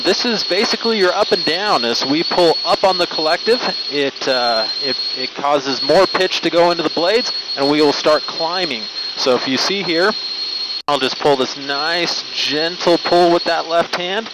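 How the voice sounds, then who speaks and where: Flying a small helicopter, a male pilot and flight instructor gives casual, explanatory narration in a fairly high voice. It's headset audio from an aviation helmet mic, with loud, clearly audible engine and rotor noise filling the cockpit.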